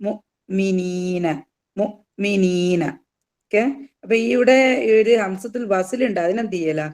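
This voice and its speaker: A teacher giving a tajweed lesson, explaining each rule and then sounding out the words slowly to drill them. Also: medium pitch, darkish tone. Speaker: Quran teacher.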